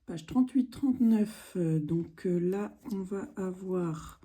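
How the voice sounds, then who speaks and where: Slow, dark-voiced French woman reading prices. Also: medium pitch, husky. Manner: slow, methodical, reads out prices with fillers. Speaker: craft product demonstrator. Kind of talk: casual video walkthrough of catalogue prices.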